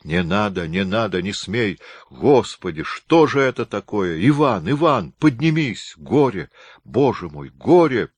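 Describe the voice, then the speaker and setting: A man voicing a grief-stricken older tsar who cries out in shrill, pleading, sobbing bursts. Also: a little slow, husky, no room sound. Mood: frantic.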